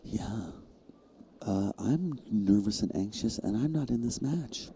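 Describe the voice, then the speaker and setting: A man's voice: on the low side, animated, takes it slowly, mellow, slight background noise. A man giving casual color commentary on a pool match, chatty and friendly, calling players "man" and "dude". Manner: casual, chummy banter, says "man" and "dude". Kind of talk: live sports commentary.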